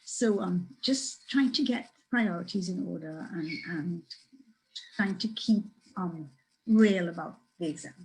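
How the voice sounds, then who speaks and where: A Trinidadian woman moderating a webinar panel, speaking warmly but firmly in quick bursts. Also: on the low side, rough recording. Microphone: video call.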